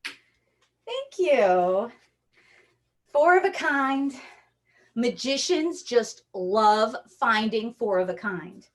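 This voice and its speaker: This online magic show features a Hawaiian woman magician whose bright, high voice turns sing-song, drawing out words between long pauses. She performs jokey, rhyming story patter directly into the camera mic for viewers.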